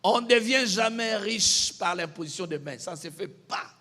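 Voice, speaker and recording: Excitable preacher guy, high husky voice, shouts and laughs, echoey church hall. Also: moderate pace. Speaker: pastor. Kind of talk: sermon.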